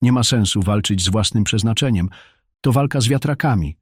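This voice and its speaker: A man's voice: on the low side, brisk, husky, no room sound, studio quality, pitched above the performer's own voice. A man reading an audiobook, voicing a stern mother who commands her daughter to obey. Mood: firm.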